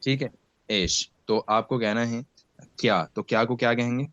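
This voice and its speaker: A man teaching beginners Arabic in an online class, speaking with an Indian accent and patiently having students repeat words after him while fasting with a headache. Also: mid-range voice, steady tone, fairly bright tone, no echo. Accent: Indian Hindi-Urdu. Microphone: video call. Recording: dull lo-fi video call audio.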